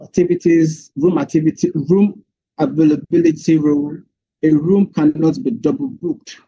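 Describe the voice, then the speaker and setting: A man presenting his capstone project over an online meeting, heard through screen-recorded call audio, walking through his slides with frequent hesitant pauses. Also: on the high side, slightly rough, lo-fi sound. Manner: steady walkthrough with frequent hesitant "um"s. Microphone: computer or headset mic on a video call.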